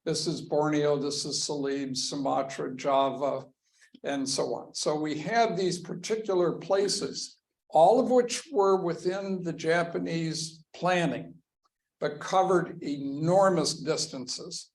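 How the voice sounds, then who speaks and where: Male history lecturer, slow and measured delivery, gravelly fry on a somewhat high voice. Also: steady tone, rough recording. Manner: slow and deliberate, pointing through slides. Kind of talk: classroom lecture. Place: lecture room with a class present.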